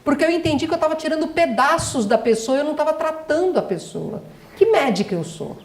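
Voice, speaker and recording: Speaking fast and very animatedly in a high voice, the middle-aged woman lectures on spiritual matters as a doctor. She stresses her points and asks the audience rhetorical questions, and the hall echoes.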